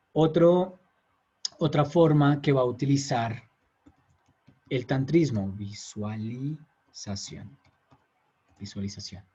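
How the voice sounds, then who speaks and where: A man's voice: mid-range voice, darkish tone, slightly rough. A man giving a conversational lecture, often checking in with his listeners. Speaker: teacher. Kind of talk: recorded lecture. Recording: dull lo-fi lecture recording.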